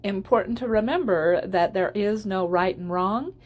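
A woman's voice: medium pitch, moderate pace, a little mellow. A woman giving a casual instructional voice-over as a tutorial host, explaining step by step in an encouraging way.

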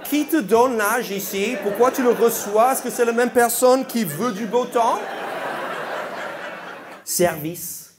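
A man's voice: extremely high pitch, slow pace, crowd noise. A man doing stand-up comedy, quizzing the audience with playful, incredulous questions. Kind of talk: crowd-work stand-up comedy. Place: comedy venue with a live audience. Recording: live audience and room noise.

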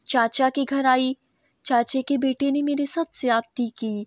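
High-voiced woman reading a story. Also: fairly even intonation, no room sound. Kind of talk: scripted narration of a moral story. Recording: dry, dull lo-fi sound.

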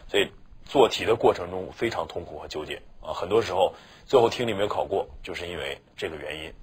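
A man's voice: sits low, quick pace, slightly rough. A male teacher giving a chatty exam-prep lecture, often checking with his students for agreement. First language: Mandarin Chinese. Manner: chatty, keeps asking "是吧" for agreement.

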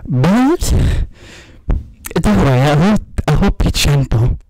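In a poor-quality recording with no echo, a young man's slightly high, somewhat mellow voice swings widely in pitch at a slow pace. He's the creator of his own channel, jokingly parodying ASMR in a small bedroom, laughing and cursing into a close-held handheld condenser mic with headphones on.

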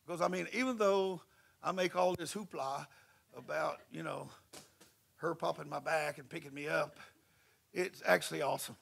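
Gravelly, husky male preacher. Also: a little high, moderate pace. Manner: folksy, animated storyteller. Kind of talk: sermon with storytelling. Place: church service.

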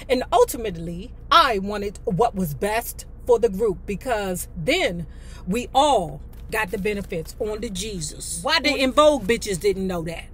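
A woman's voice: a little high, slight background noise. An American woman in her fifties hosting a video, reading aloud and commenting in a blunt, sassy, casual way. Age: 50s. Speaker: video host. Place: inside a parked car.

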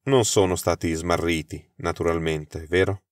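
A sharp, self-assured detective figure, read by a man in a low voice, dealing out crisp, incisive deductions. The audiobook is recorded dry and close, with no room sound around him. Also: steady tone, a little slow, no room sound.

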